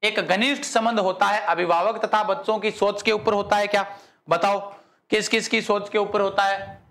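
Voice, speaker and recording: High-voiced teacher. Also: male voice, little pitch movement, normal speed, a bit bright. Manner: praising students by name, joking in dialect. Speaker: exam-prep teacher. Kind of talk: live online quiz class.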